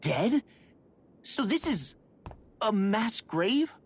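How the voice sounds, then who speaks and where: An emotional, blunt young fantasy adventurer, has a very husky, breathy voice. The pitch swings widely and the pace is slow. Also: female voice, very animated, heavily acted. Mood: shocked. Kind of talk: anime-style game dialogue acting.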